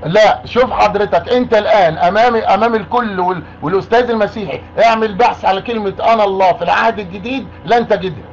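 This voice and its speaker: A man's voice: high-pitched, very fast, hardly any pauses. Insistent Egyptian man on a lo-fi call. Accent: Egyptian Arabic. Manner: insistent, repeats demands. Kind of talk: argumentative phone call. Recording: muffled lo-fi call with faint noise.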